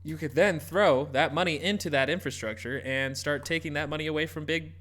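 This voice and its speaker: A man hosting casual live political commentary, speaking haltingly and often trailing off mid-thought. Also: on the high side, a bit bright. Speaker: host reacting to a broadcast.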